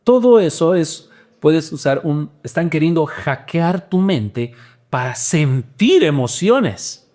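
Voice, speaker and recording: Animated preaching man, high-pitched. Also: slow pace. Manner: animated preaching with wide swings in pitch and loudness. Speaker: pastor. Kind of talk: sermon.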